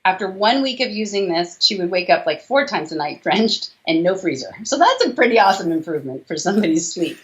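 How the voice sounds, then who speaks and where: Very animated and brisk, with few pauses, her mid-range voice carries a talkative, emphatic run of details. She is a doctor and author in her forties, interviewed conversationally over video from a small indoor room. The sound is slightly muffled, typical of a video call.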